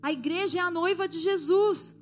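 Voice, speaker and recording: A woman's voice: extremely high pitch, normal speed, soft background music. A woman pastor preaching a sermon to a congregation, exhorting them and asking for their response.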